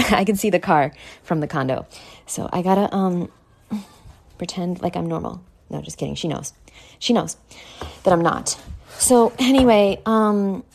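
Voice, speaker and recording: A podcast host speaks from home in a condo, her somewhat low voice a little mellow with vocal fry, and a faint hiss or hum in the recording. Her motivational monologue is blunt, brash and full of swearing, aimed directly at the listener, with key words stretched out dramatically amid an informal delivery.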